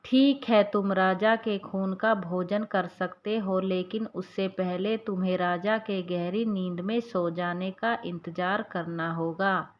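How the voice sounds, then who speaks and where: A woman's voice: medium pitch, fairly even intonation, slow pace, hardly any pauses, close to an everyday voice. A woman voicing a bossy female louse who sets firm conditions, in a slightly muffled recording. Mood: stern. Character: bossy female louse, stern but soft-hearted.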